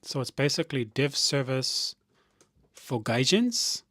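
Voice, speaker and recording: A man of middle pitch rambles through a casual live stream, reading out viewer comments and restarting his sentences often. The sound is dry and close, with keyboard typing now and then behind him. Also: very animated, unhurried, no echo. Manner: rambling, thinking out loud with restarts; reads viewer comments aloud.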